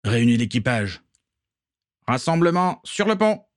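A man voicing a brisk vampire pirate first mate calling out orders in a read-aloud story. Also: mid-range voice, sing-song, dry recording, studio quality, pitched above the performer's own voice. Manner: calls out orders.

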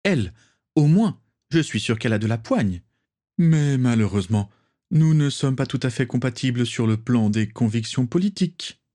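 A man voicing an eager, excitable young aristocratic wizard who speaks earnestly. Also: mid-range voice, normal speed, voice pushed up, lightly acted. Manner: animated, earnest.

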